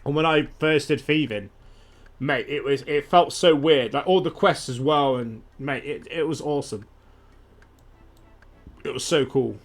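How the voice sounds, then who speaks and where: A man's voice: fairly high pitch, unhurried, long pauses. A young man streaming a game, chatting casually and animatedly, swearing freely. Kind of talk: casual gaming chat.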